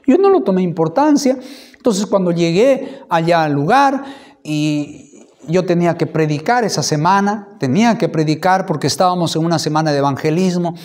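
A pastor in his thirties giving a sermon testimony, telling his story with lively acted-out dialogue. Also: on the high side, normal speed. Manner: animated storytelling, acting out dialogue.

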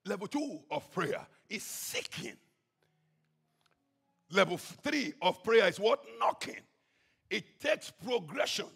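A man preaching a sermon with passion, swinging between shouts and hushed tones. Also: high-pitched, very animated, slow pace, gravelly, pauses often, breathy edge, faint music behind. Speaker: pastor.

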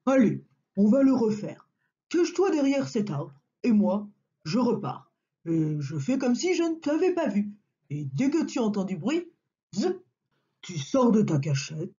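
A woman's voice: on the high side, sing-song, a little slow, warm tone. A woman voicing a cunning red rabbit who lectures and coaxes. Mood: sly. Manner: lecturing, coaxing. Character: cunning know-it-all red rabbit, male. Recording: dull lo-fi recording.

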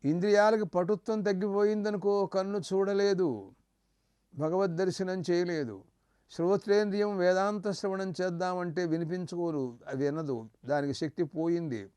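A man's voice: sits high, normal speed, dark tone, smooth, dry recording. A man giving a spiritual discourse, chanting verses and acting out short voices in his stories. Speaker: spiritual teacher. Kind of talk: devotional discourse.

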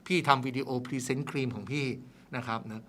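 Fast, bright-voiced man explaining. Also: medium pitch. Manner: lively explaining, many "na khrap" fillers. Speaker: guest marketing expert. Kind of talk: casual radio talk.

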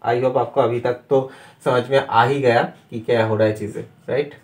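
A young Indian man teaching a harmonica lesson, patiently walking through the notation step by step and slowly calling out the note names. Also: medium pitch, steady tone, a little mellow. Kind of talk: music lesson explaining notation.

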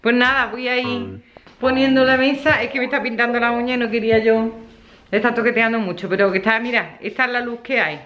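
A woman's voice: on the high side, fairly even intonation, a little fast, a bit bright, muffled recording, a little hiss or hum. A woman, chatting casually in her vlog, laughing often and acting out what others said. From Spain. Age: 50s. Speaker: vlogger.

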